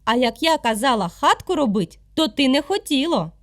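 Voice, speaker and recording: A stubborn little calf from a storybook tale, scolding in a raised, sing-song voice that jumps about in pitch, as a woman reader puts it on. Small, indignant and a bit self-righteous. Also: sing-song, normal speed, a bit bright.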